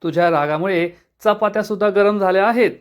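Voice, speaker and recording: A stubborn young woman teases and cracks jokes in a high voice. A man reads her lines plainly while retelling a TV serial episode. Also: a little fast, clear, resonant tone, lightly acted. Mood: teasing. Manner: teasing. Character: stubborn playful young wife.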